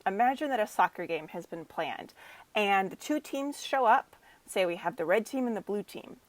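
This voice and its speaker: A young woman, a children's minister, telling a lively story to children in a chapel talk. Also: mid-range voice, moderate pace, no room sound.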